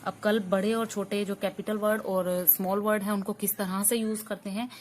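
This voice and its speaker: Casting note: woman teacher, mid-pitched voice, patient step-by-step drilling, faint hiss behind her. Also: little pitch movement. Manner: explains step by step, often asks and answers her own questions; drills sounds slowly with frequent 'theek hai' checks. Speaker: spoken English teacher. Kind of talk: classroom lesson.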